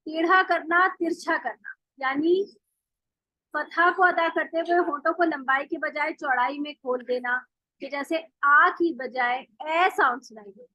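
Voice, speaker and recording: A woman teaching Quran recitation in an online class, patiently explaining and slowly modeling each sound. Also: sits high, sharp tone, no room sound. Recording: dull dry call audio.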